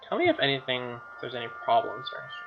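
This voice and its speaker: Racing along with wildly swooping pitch, this let's play host has a creaky, medium-pitched voice. He chats, reads narration and mutters side comments while game music plays, and the recording loses its highs.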